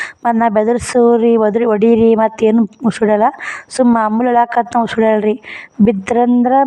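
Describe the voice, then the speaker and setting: A woman's voice: a little high, mellow, rough recording. Chatty village vlogger woman. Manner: chatty, keeps addressing viewers as friends. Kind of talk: casual daily vlog talk.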